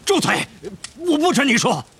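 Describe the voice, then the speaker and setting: A man doing a bullying middle-aged uncle who barks orders in a strained, raspy voice. He blusters and panics at the same time, a storybook tyrant losing control. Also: sits high, big pitch swings, a little fast, bright, forceful tone, heavily acted. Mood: panicked. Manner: blustering, frightened commands.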